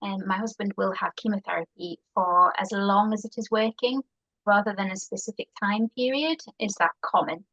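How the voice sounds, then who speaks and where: A woman's voice: mid-range voice, steady tone, normal speed, fairly bright tone, dry recording, muffled recording. A woman moderating an online session, reading out audience questions politely and briefly, with hesitant fillers.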